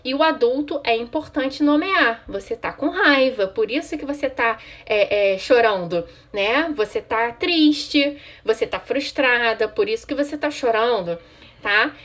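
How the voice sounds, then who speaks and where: A woman's voice: on the high side, expressive, measured pace, a bit bright. A woman, a child psychologist giving parents conversational advice and often checking in with "tá?". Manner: conversational, frequent "tá?" check-ins; answers viewer questions directly.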